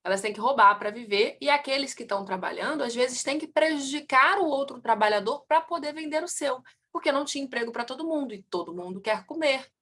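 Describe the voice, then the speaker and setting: Lively Rio-woman lecturing a class. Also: high-pitched, brisk, few pauses. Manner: asks the class rhetorical questions and answers them; lively, swings in loudness and pace. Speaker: family constellation teacher.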